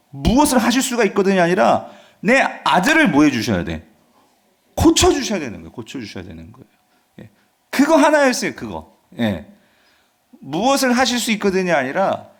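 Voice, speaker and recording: Animated preaching man, wide-swinging pitch. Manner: asks the congregation questions and answers them; swings between loud emphatic scripture reading and soft asides. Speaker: pastor. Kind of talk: Friday revival-service sermon.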